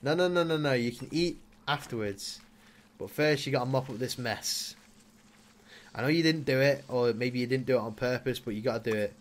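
Brisk and medium-pitched, a young man who makes gaming videos on YouTube chats his way through a casual Let's Play. He talks directly to his Sim and now and then erupts into loud exclamations.

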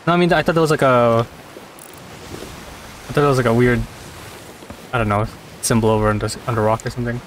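A man's voice: medium pitch, fairly even intonation, normal speed, long pauses, a little hiss or hum. Young man bantering over a game. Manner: laughs often, bantering, loose. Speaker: streamer playing with a friend. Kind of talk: casual gaming chat.

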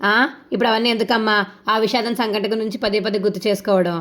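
A woman's voice: medium pitch, steady tone, fast, fairly bright tone, lightly acted. A woman voicing a teasing, sarcastic young man. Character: mocking playful young man, joker son.

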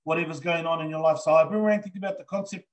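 Speaking very fast in a steady, high-ish voice, a middle-aged New Zealand-accented man delivers a live sales pitch for his business over a video call. He's earnest and enthusiastic, uses lots of fillers, and stands indoors before a green backdrop.

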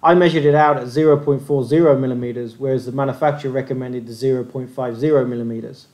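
A man's voice: medium pitch, steady tone, quick pace, a little mellow. A man hosting a fishing channel, narrating a methodical review of gear tests over slides in a plain-spoken way.

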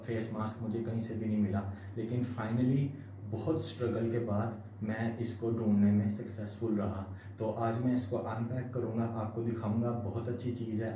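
A man's voice: fairly low pitch, dark tone, slight background noise. A man talking through a face mask as he hosts a casual unboxing vlog, dropping English phrases into his chat. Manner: chatty, mixes English phrases into Urdu. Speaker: vlogger. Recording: roomy echo.

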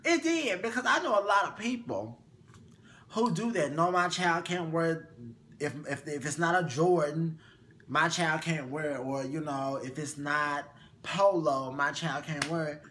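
With a measured pace and a voice that swings up high, the young co-host keeps things sassy and animated on a casual chat show. A faint hiss or hum runs under the small-bedroom recording.

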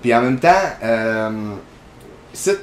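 A man with a Quebec French accent hosts casual gameplay commentary, chatty and rambling with plenty of fillers. His voice is lowish, animated and slow, and the room sounds reverberant, with slight background noise.

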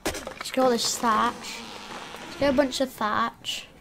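Lady chatting thru her game, slow and a bit high, talks to her pets. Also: steady tone, creaky, noisy background. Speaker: gamer. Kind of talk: casual gameplay commentary.

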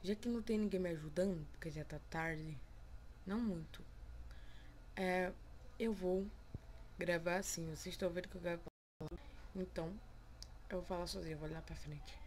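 A man's voice: sits high, fairly even intonation, normal speed, long pauses, a little hiss or hum. A young male vlogger with a Pernambuco accent, talking casually and joking at his own expense in a solo vlog. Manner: playful, self-mocking, slangy.

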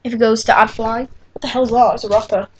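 A woman's voice: a little high, steady tone, quick pace, slight background noise. A teenage girl chatting and giggling through a casual computer tutorial on a cheap microphone at home. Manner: giggly, chatty, exclaims often. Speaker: tutorial maker. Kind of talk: casual screen-recorded tutorial.

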